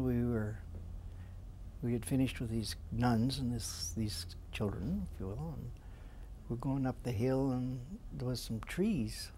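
Mellow old Canadian veteran remembering. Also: male voice, medium pitch, a little hiss or hum, low-quality recording. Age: 70s. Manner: old veteran remembering, halting and plain-spoken. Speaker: war veteran being interviewed. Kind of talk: veteran's reminiscence in an interview. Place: small indoor room with flags. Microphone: lapel mic.

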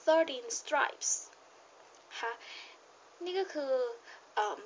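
High-voiced young Thai woman teaching. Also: lo-fi sound, slight background noise. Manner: patient, repeats points with frequent polite particles; reads English passage slowly with stressed words. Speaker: English teacher. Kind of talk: casual reading lesson.

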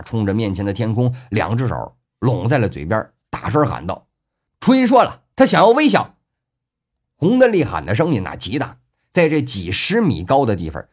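A man narrating a web novel audiobook in a colloquial storyteller style, full of drawn-out filler particles. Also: medium pitch, darkish tone.

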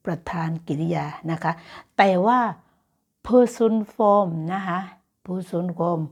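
A woman's voice: lowish voice, a little mellow, breathy edge. A Thai woman teaching Dutch grammar in a casual online lesson, explaining patiently and encouraging her students. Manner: encouraging and motivational.

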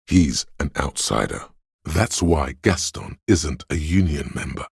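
An animated, heavily acted male voice plays the inner voice of cold logic in a video game, speaking in the player's head. It is extremely low, husky and gravelly, and it sounds measured, analytical, deliberate, dry, superior and condescending. The recording is very dry with no room around it.

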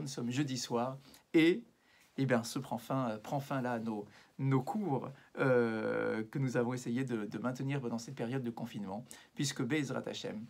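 Rabbi guy doing his evening class, mid-pitched voice, explains step by step, lots of "euh" pauses, reads hebrew bits. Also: gravelly, breathy edge. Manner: explanatory, weaves Hebrew passages into French, frequent "euh" and "d'accord". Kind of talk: evening religious lesson.

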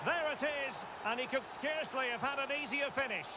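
A man's voice: very high voice, fairly quick. A man playing an emphatic, dramatic television football commentator in a video game. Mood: excited, emphatic. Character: excitable male television football match commentator. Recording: loud stadium game noise.

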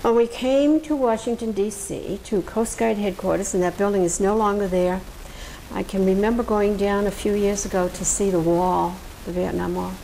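An elderly woman from Massachusetts recounts her wartime service for an oral history interview. She tells her stories with life, slipping into the voices of the people she quotes. Her voice sits at a middle pitch over a faint hiss. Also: moderate pace, gravelly, low-quality recording. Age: older. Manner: lively storyteller, acts out quoted voices. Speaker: veteran interviewee.

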